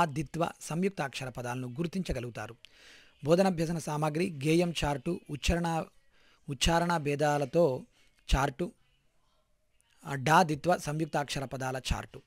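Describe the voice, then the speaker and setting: A man reads a school lesson plan aloud, item by item, in a measured and even delivery. His voice sits a little high for a man. The sound is close and dry, with no room around it. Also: no room sound. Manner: measured, list-like reading. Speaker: teacher reading a lesson plan.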